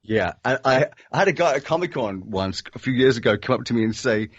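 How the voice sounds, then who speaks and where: A middle-aged man with an English accent chats on a remote call, joking and poking fun at himself. His pitch swings widely and his voice has a husky edge. The audio is dry and dull, with a lo-fi quality. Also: animated, fairly quick, dry recording. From England. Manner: joking, self-mocking, restarts often. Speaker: voice actor guest. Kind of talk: casual interview chat. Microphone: remote video call.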